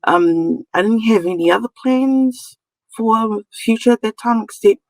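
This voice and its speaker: A woman's voice: fairly high pitch, unhurried, dry recording, poor audio. A middle-aged woman with a Samoan New Zealand accent, chatting informally and giggly as she tells her story as an interview guest. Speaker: podcast guest, community nurse. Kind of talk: casual conversational storytelling.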